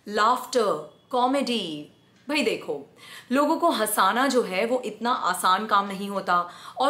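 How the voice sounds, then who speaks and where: A woman's voice: a little high, a bit bright. A woman co-hosting an acting lesson, explaining in a playful, teasing way. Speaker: acting teacher, co-host. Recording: echoey room.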